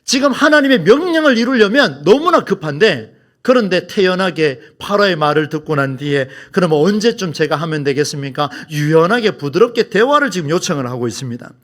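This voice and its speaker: High, lively-voiced male pastor preaching. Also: brisk. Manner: emphatic, questioning preaching that keeps addressing the congregation. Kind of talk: Sunday morning sermon. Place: church sanctuary.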